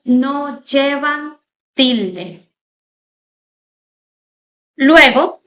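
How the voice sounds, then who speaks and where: A woman's voice: on the high side, bright, forceful tone. Woman teacher giving a recorded lesson. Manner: formal, explanatory, addresses students directly; pauses to spell out example words slowly. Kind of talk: recorded online class lecture.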